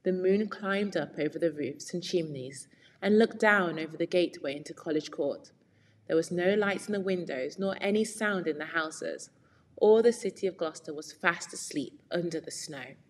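A woman's voice: on the low side, normal speed, in a large hall, slight background noise. A woman teaching English, reading a children's story aloud and patiently explaining words along the way.

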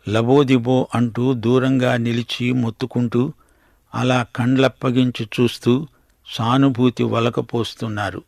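Slow gravelly older man preaching on radio. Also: medium pitch, dry recording. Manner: slow, deliberate, rhythmic listing delivery. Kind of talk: radio sermon. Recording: dry studio radio recording.

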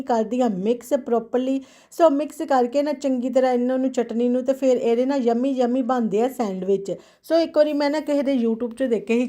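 Punjabi lady doing a daily home vlog, high voice, chirpy and exclaiming, mixes in english bits. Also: dark tone. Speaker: daily vlogger. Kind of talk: casual home vlog chat.

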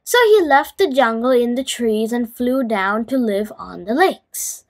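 A woman with a slightly high voice reads a bedtime story for children, expressive and deliberate, speaking as the host to her young listeners.

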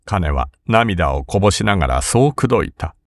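Male audiobook narrator; low, animated delivery; dry studio read. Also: no echo. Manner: measured, expressive storytelling. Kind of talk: scripted literary narration.

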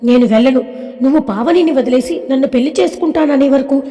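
An obsessive, jealous young woman, read by a woman narrator, pleading and threatening by turns. The voice sits high and mellow, with a long reverb trailing behind it. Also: quick pace, lightly acted.

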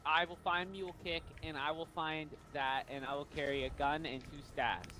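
An excitable young man rambles and curses while gaming with his friends. His voice sits a little high, and a steady hiss of background noise runs under it. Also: moderate pace. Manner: excitable, swears a lot, rambling. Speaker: gamer. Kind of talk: casual gaming chat.

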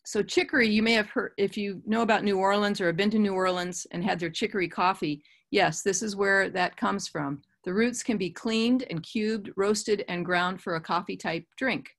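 A woman's voice: mid-range voice, fairly even intonation, moderate pace, few pauses. Woman, middle-aged, webinar presenter, video-call mic, friendly explanatory tone. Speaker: master gardener presenter. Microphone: webcam on a video call.

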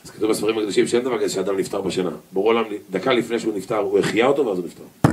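A man's voice: fairly low pitch, darkish tone. A man, a rabbi, giving a humorous Torah lecture and acting out little scenes and voices as he goes. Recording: distant mic with noticeable noise.

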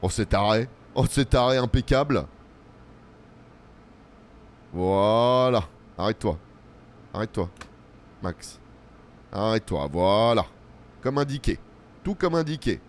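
In a fairly low voice, a let's play host chats his way through a game, animated yet taking it slowly with long pauses. He keeps up a muttered stream of remarks to himself and regularly turns to viewers with self-mocking asides.

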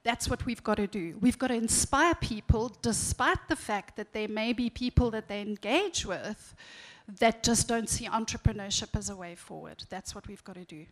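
Passionate woman panelist, a bit higher voice. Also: normal speed. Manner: passionate, storytelling. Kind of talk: panel discussion anecdote. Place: conference stage, large hall.

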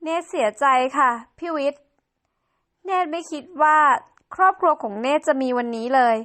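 A woman's voice: high voice, lively intonation, moderate pace, fairly bright tone, pitched above the performer's own voice. A woman voicing a young student daughter who speaks sadly and sweetly. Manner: tearful, sweet.

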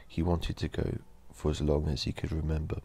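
A man narrating a horror story in a slow, measured storytelling delivery. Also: a bass voice, monotone, dark tone, breathy edge.

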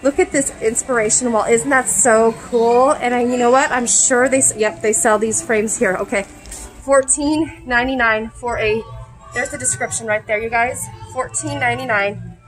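A woman's voice: fairly high pitch, fairly even intonation, moderate pace, soft background music, poor audio. A middle-aged woman walking through a large furniture store with a handheld camera, gushing to her viewers about what she sees. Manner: gushing, enthusiastic, addresses viewers directly. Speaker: vlogger. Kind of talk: casual shopping vlog narration. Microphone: handheld camera or phone, walking.

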